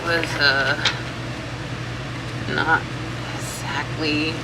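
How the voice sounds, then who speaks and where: Slow, halting tarot reader over fan noise. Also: medium pitch, vocal fry. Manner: informal, sweary, halting, thinking aloud. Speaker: tarot reader, channel host. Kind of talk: casual rambling tarot reading. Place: room with a fan running. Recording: steady fan noise throughout.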